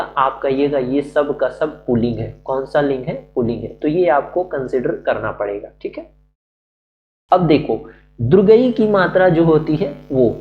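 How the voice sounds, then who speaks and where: A male teacher giving a classroom-style grammar lesson, asking questions and answering them himself, repeating the key words. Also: fairly high pitch. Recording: muffled recording with faint hum.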